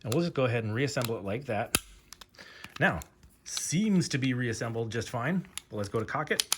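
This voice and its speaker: A man giving a casual hands-on tutorial, talking haltingly with fillers and restarts while he works. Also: medium pitch, lively intonation, background noise. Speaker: host demonstrating pistol disassembly.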